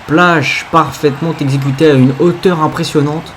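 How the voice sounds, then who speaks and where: A man's voice: on the high side, steady tone, moderate pace. A man doing play-by-play wrestling commentary on a video game match, reacting to each move with exclamations. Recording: clear background noise.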